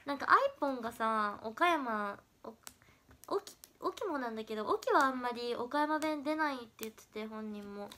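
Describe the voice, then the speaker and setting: A woman's voice: expressive, normal speed, bright, forceful tone. A young woman chatting casually on her livestream while crafting, stuffy from a runny nose, pushing herself to sound upbeat. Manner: forced high energy, chatty. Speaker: idol livestreamer.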